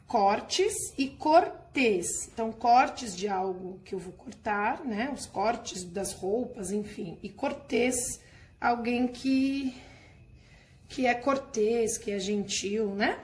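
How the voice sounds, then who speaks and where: A patient woman teacher, explaining a workbook lesson step by step to her class. Her voice sits fairly high, and she keeps checking in with the students as she goes. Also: slow, a little mellow.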